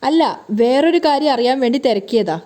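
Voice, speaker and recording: A woman voicing a clever young woman who plays a prank with quick, mischievous talk. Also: high-pitched, animated, dark tone.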